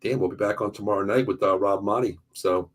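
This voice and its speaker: A man co-hosting a casual sports talk show, excitable and rambling, who gets hyped up as he talks. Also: fairly low pitch, a little fast. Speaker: podcast co-host. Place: home.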